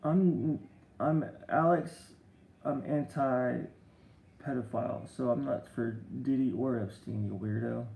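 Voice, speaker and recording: A middle-aged man chats casually on a live stream, his voice gravelly with fry. He tells rambling stories full of restarts and answers viewer comments, and the audio sounds roomy. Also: medium pitch, slow pace, dark tone, a little hiss or hum. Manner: rambling storytelling with many restarts and fillers.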